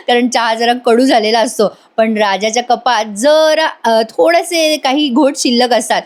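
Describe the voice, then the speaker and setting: A woman with a somewhat high voice narrates an episode recap. She speaks chattily and keeps turning to her viewers. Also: expressive, measured pace. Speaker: serial reviewer.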